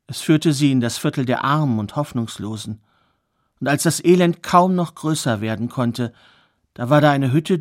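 A male storyteller recounts a fairy tale in a measured, expressive voice. He paces the story with pauses for effect and lets his voice rise on the dramatic turns. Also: medium pitch.

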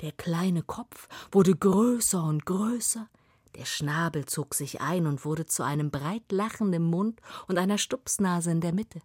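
A woman telling a fairy tale aloud, slow and expressive, sometimes dropping to a whisper. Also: fairly low pitch, breathy edge, dry recording, studio quality. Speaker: storyteller.

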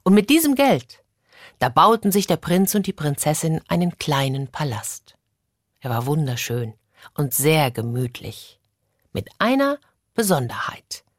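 Woman, fairy tale narrator, expressive, low voice, lively pitch, dry close recording. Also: unhurried, dry recording. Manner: expressive, dramatic storytelling. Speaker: storyteller.

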